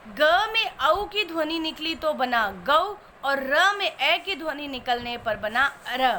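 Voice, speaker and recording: A woman's voice: high voice, bright, forceful tone, slight background noise. A woman teaching a spelling lesson, patiently breaking each word into its sounds step by step.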